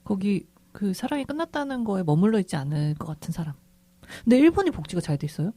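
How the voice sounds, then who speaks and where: A woman's voice: mid-range voice, sing-song, dark tone, no echo. A woman co-hosting a podcast, giving frank opinions about a film. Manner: frank opinions, quick to laugh. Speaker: podcast co-host. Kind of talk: casual film discussion.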